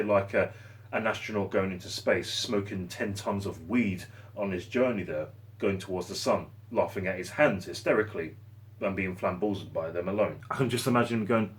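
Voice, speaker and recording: Low-voiced man, lively swooping pitch, passionate ranting, mic a bit far off. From London. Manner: passionate, rambling, sarcastic. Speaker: vlogger. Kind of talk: opinion rant to camera. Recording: voice set back from the mic.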